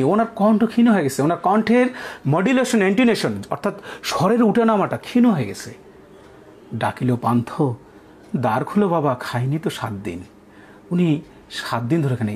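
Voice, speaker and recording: Animated male teacher explaining a poem. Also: a little high, a little hiss or hum. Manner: animated explaining, recites verse slowly, asks students questions. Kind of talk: classroom poetry lesson.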